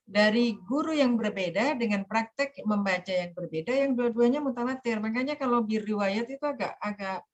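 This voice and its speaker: A woman lecturer on a video call, patiently explaining with examples and demonstrating recitation. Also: medium pitch. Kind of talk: online class lecture.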